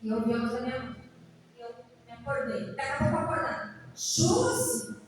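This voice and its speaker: A woman's voice: on the high side, fast. A middle-aged Brazilian woman preaching a sermon, calling out to her congregation and singing out some phrases. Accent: Brazilian Portuguese. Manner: animated, calls out to the congregation, sings out phrases. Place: church hall. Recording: echoey hall, distant mic, faint noise.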